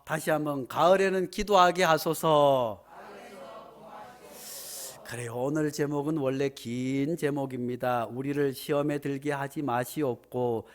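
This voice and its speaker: A male pastor preaching a Sunday sermon in a church sanctuary, animated and building to emphatic exclamations. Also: mid-range voice, a little slow, hardly any pauses.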